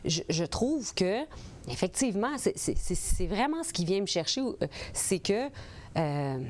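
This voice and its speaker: Her medium-pitched voice swings widely in pitch while she keeps a measured pace. She is in her forties, from the Portneuf region of Quebec with a Québécois French accent, and answers interview questions as a political candidate, earnest and full of hesitations and restarts.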